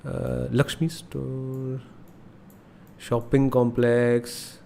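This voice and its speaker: A man's voice: medium pitch, monotone, drawn-out words, creaky, warm tone. Young Indian-accented man streaming, noisy background. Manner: exclamatory, thinking aloud. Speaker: live streamer playing a geography guessing game. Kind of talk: casual live stream commentary. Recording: noticeable background noise.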